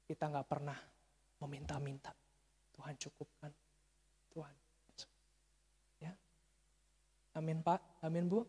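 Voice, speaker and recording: A male pastor preaching a sermon, telling a story with lively swings and calling to the congregation as he goes. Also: on the high side, a little slow, pauses often, slightly rough. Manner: animated storytelling, addresses congregation as Pak and Bu. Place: church sanctuary. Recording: church hall reverb.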